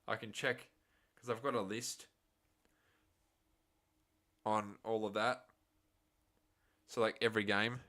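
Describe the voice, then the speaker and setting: A man with an Australian accent giving a live cricket reaction commentary, shifting between excited calls and chatty asides. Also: on the low side, takes it slowly, pauses often.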